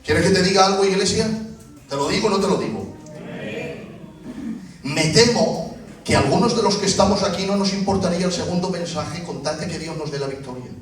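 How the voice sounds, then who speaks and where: A man with a Spanish accent preaching a sermon as pastor, building to shouts and acting out short dialogues. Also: sits high, lively intonation, fairly quick, pauses often. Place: church. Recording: echoey church hall from far off.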